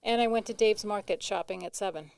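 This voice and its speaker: A woman's voice: medium pitch, fairly quick, vocal fry, darkish tone, clear, resonant tone, no echo. A woman with a New England accent co-hosting comedic banter in a matter-of-fact, dry way. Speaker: co-host.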